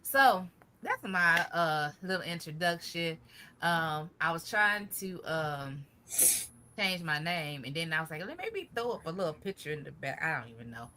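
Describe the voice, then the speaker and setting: A woman's voice: sits low, very animated, normal speed, slight background noise. A woman co-hosting a casual live gardening chat, greeting viewers and talking easily with "y'all". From Michigan. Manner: chatty, warm greetings with Southern-style "y'all".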